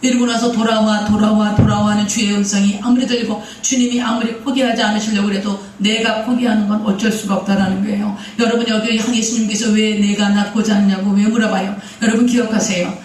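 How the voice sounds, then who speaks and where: A woman's voice: mid-range voice, level tone, fast, hardly any pauses, a little hiss or hum. A woman pastor preaches with emphasis, throwing questions to the congregation and answering them herself. Her mid-range voice carries through a very echoey sanctuary. She sounds a good way off from the microphone. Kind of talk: sermon. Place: church sanctuary. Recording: echoey sanctuary heard from far off.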